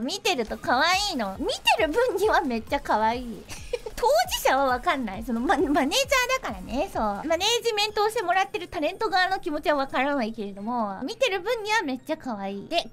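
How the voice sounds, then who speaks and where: A woman VTuber streamer in casual livestream chat, animated and giggly, acting out other people's lines as she tells stories. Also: sits high.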